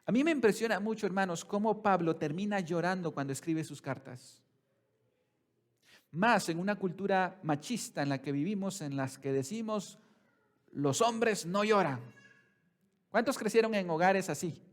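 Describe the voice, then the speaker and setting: A man preaching a sermon as pastor, calling the congregation brothers and putting questions to them, swinging from quiet, slow passages to loud, raised ones. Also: high voice.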